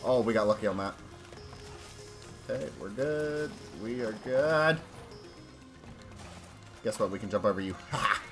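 A young man casually commenting while he plays a video game, swinging between loud excited yelps and low frustrated muttering. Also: a little slow, long pauses, faint music behind. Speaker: gaming channel host. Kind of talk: live let's-play commentary.

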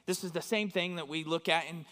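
A man's voice: a little high, fairly even intonation, a little fast, a bit bright. A man from West Texas, preaching a sermon in a church in a conversational way and often checking in with his listeners. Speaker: pastor. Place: church sanctuary. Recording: long hall reverb.

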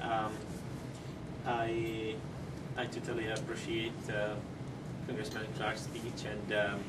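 Sitting at a conference-room table, a middle-aged parent from Syria reads a prepared press statement before taking questions. His voice is lowish and completely flat, and his delivery halts, with many ums and non-native grammar. Though table microphones are used, a far camera captures him, leaving the audio distant and clearly noisy.

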